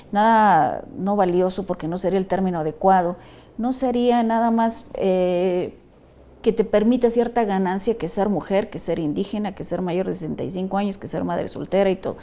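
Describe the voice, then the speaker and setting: Measured woman in her fifties, mellow voice. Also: mid-range voice. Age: 50s. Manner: measured, conciliatory, frequent restarts. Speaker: panel guest. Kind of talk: studio panel discussion.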